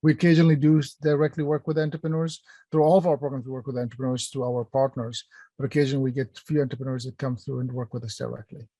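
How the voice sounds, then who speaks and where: A man's voice: medium pitch, level tone, fast talker, mellow, dry recording. Middle-aged man presenting an online workshop. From Palestine, raised in Kuwait. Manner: conversational, many fillers and restarts, addresses chat. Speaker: workshop presenter, company founder.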